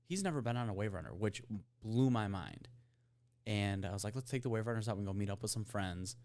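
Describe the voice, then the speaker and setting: A man's voice: lowish voice, expressive, fairly quick, darkish tone. A young man co-hosting a podcast, joking and laid-back in casual chat. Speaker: podcast co-host.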